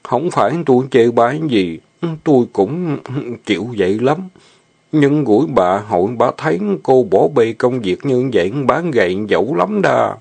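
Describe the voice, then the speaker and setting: A man's voice: mid-range voice, expressive, moderate pace, vocal fry, darkish tone, slightly rough, voice pushed up. A man voicing a shy, lovesick young male farmhand who stammers and pleads. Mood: hesitant. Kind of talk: audio drama reading.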